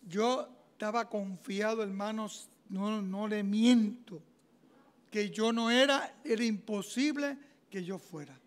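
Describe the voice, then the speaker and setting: High-voiced deacon preaching. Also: male voice, takes it slowly. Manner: animated storytelling, acting out dialogue. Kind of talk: sermon with personal testimony.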